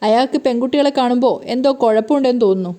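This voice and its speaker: A woman's voice: fairly high pitch, very fast, warm tone, close to an everyday voice. A woman voicing a suspicious, easily frightened older sister. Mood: worried. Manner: suspicious, worried.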